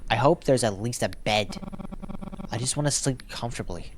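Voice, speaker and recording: A man's voice: medium pitch, normal speed, noisy background. A man commenting on a game as he plays, reading text aloud and musing to himself in a thoughtful way. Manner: thoughtful, reflective, talks to himself while playing. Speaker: gaming YouTuber.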